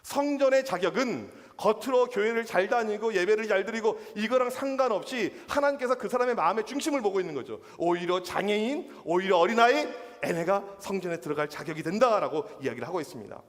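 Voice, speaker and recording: A male youth pastor preaching a casual, lively sermon to teenagers, teasing them and using slang. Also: sits high, brisk, hardly any pauses. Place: church sanctuary. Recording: reverberant church hall.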